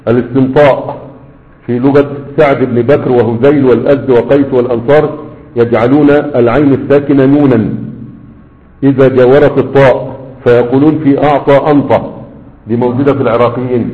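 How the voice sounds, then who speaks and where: Egyptian man lecturing over a tinny line. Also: medium pitch. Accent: Egyptian Arabic. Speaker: teacher. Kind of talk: classroom lecture, reading a text aloud and explaining it. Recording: tinny phone-like audio in a long-reverb hall.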